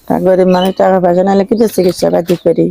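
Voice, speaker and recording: A woman's voice: lowish voice, level tone, fast, gravelly, mellow, a little hiss or hum. A middle-aged woman, pleading for help in an interview and repeating herself. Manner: pleading, repetitive. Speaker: interviewee, mother appealing for help. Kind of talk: plain spoken appeal in an interview.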